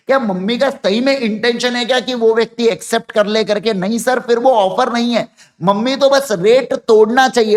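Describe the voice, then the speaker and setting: A man in his thirties from India teaching law in an online class, mixing Hindi and English, dictating slowly and then explaining quickly and directly to students. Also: high voice. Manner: animated, talks to students directly. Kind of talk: online lecture, dictating notes.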